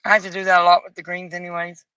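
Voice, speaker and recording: Bright-toned woman chatting while coloring. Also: lowish voice, monotone, racing, clear, resonant tone, no room sound, dull audio. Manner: muses aloud, picky and chatty, folksy asides. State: rough morning voice. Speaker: streamer coloring live. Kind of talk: casual chat while coloring. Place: home at night.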